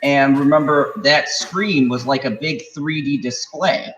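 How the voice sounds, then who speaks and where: Bright-voiced man in empty-warehouse echo. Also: medium pitch, unhurried. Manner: sarcastic, teasing, sweary. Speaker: host of a live reaction stream. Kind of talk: casual joking live-stream commentary. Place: echoey, empty-sounding room. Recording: echo like an empty warehouse, clear background noise.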